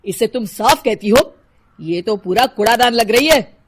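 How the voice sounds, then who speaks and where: A woman's voice: a little high, lively intonation, unhurried, background noise. Woman voicing a grumpy complaining husband. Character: grumpy, fault-finding husband.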